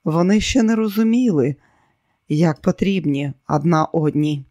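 A man's voice: a little high, expressive, measured pace, dark tone, no room sound. Man narrating an audiobook, dry sound.

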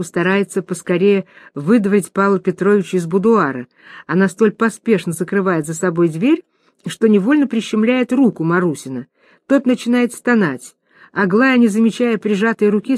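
A woman reading a play aloud, giving the stage directions in an even, clear narrating voice. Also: mid-range voice, dry recording. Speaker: reader.

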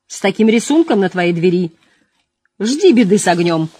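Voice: medium pitch, very animated, normal speed, a little mellow. A reader voicing a sneering male officer of a zealot order, mocking and threatening in an audiobook reading. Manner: mocking, threatening, spits words through teeth.

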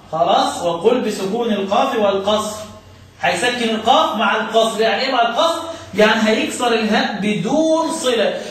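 A man with an Egyptian Arabic accent teaching Quran recitation in a classroom lesson, quizzing his students and chanting lines of verse slowly. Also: sits high, fairly bright tone. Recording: very echoey room, far from the mic.

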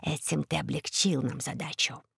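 A woman playing a sinister rope tyrant, low hushed voice, creaky menacing delivery, audiobook villain. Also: fairly even intonation, normal speed, no room sound, studio quality, heavily acted.

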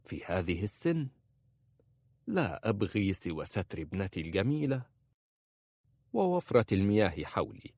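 A man's voice: on the low side, very animated, normal speed, long pauses, darkish tone, no room sound, studio quality. A man voicing a blunt, sardonic old male tailor in an audiobook. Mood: mocking. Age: older.

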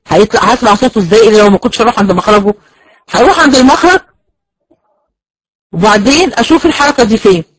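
A man's voice: high-pitched, no echo, poor audio. A man with an Egyptian accent giving a recorded lecture on Quran recitation. He explains step by step, asks and answers his own questions, and sounds out letters as examples.

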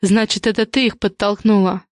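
A woman voicing a shrewd, sharp-tongued female friend who probes and insinuates, in an audiobook. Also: mid-range voice, fairly even intonation, moderate pace, no room sound, clean studio sound, lightly acted. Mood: probing. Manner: probing, insinuating. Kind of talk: audiobook character reading.

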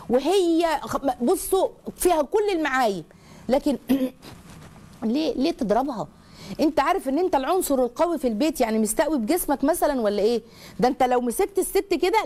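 A woman's voice: high-pitched, a little mellow. A woman with an Egyptian accent hosting a religious advice talk, earnest and emphatic, lecturing with many restarts. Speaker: advice show host. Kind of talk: religious advice talk, reading a listener's letter.

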